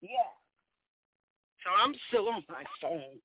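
A woman interviewer on a bad phone connection that keeps cutting out. She talks in a halting way and keeps checking whether she can be heard, calling from the back room of a house. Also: lowish voice, expressive, breathy edge, dry recording. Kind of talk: casual phone call. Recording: tinny phone line.

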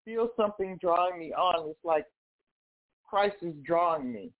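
A woman's voice: lowish voice, expressive, moderate pace. Hesitant woman caller over a tinny phone line. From Los Angeles. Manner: polite, hesitant, many fillers. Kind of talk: call-in radio question.

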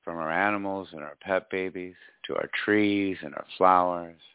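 A man leading a spiritual guided meditation in a slow, soothing, hypnotic way, with long pauses and repeated phrases. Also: deep voice, steady tone, smooth, no room sound. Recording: dull lo-fi audio, music behind. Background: faint music.

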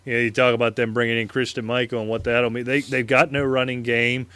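A man co-hosting a fantasy sports show, talking football emphatically in casual chat and repeating words when excited. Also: medium pitch, fast talker, clear, resonant tone, no room sound. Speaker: fantasy sports podcast co-host.

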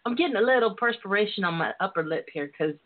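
A woman's voice: medium pitch, animated, quick pace. A woman hosting a talk show in a sassy, bawdy, playful way, flirtatious and free with endearments. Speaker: radio talk show host, relationship and intimacy coach. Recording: tinny phone-line internet radio sound.

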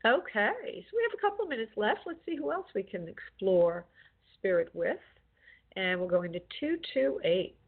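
A woman working as a psychic medium on a call-in show, giving spoken spirit readings in a gentle, consoling way with affectionate endearments. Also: medium pitch, sing-song, moderate pace, gravelly, husky. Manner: gentle, consoling, using endearments like love and honey. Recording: tinny phone-like call-in audio.

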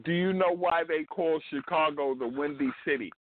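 A man's voice: on the high side, moderate pace, narrow, tinny audio. A man chatting and explaining casually as a show panelist, repeating phrases for emphasis. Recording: band-limited line with clear noise.

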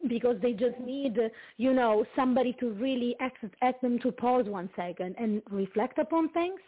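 A woman's voice: fairly high pitch, slightly rough. Italian woman on a tinny call line. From Italy. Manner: halting, many fillers and restarts, light laughs. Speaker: guest singer-songwriter. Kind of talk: casual interview chat. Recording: tinny phone-like call audio.

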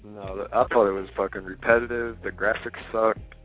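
A man with a lowish voice talks in a casual, blunt way. He comes through thin and phone-like, with faint music in the background. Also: little pitch movement, normal speed. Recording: tinny phone-like voice call, music behind.

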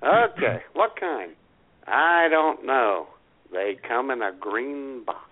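A man with a medium-pitched, animated, slow voice co-hosts a talk show, telling casual comic stories. He acts out exchanges with customers as he talks. The recording has a thin, phone-like lo-fi sound.

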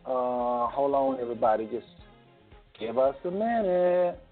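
A man's voice: mid-range voice, animated, measured pace, faint music behind. A man hosting a phone interview in a folksy, chatty way, often cutting in on his guests. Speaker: host. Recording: tinny phone line.

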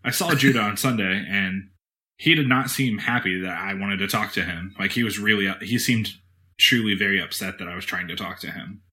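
Bright teasing man in podcast chat. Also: fairly low pitch, brisk. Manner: teasing, questioning. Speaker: podcast co-host. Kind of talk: casual chat.

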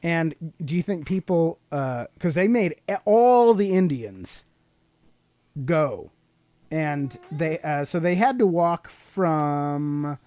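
In a dry recording, a middle-aged podcast co-host with a mellow voice on the high side explains things to his child. His manner is casual but teacherly, steering the child with leading questions.

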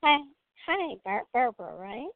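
A woman's voice: a little high, sing-song, measured pace, gravelly, no echo. A woman calling in to a radio show over a phone line, talking hesitantly, restarting and trailing off. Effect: heard over a phone line as a radio show caller. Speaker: caller to a call-in reading show. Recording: tinny phone line, dry.

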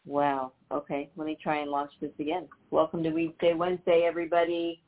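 A man's voice: fairly high pitch, completely flat delivery, brisk. A man hosting a live radio show on speakerphone, sounding flustered while he works through the connection. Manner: flustered, troubleshooting the line. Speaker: radio show host calling in. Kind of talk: casual live radio chat. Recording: tinny phone line with hiss.

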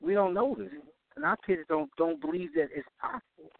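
A man's voice: sits high, expressive, brisk. A man calling in to a radio show on the phone from his car while he drives. He is earnest and repeats points for emphasis. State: driving while on the call. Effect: phone call from a moving car, muffled. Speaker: caller. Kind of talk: casual call-in chat. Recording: muffled phone line from a car.

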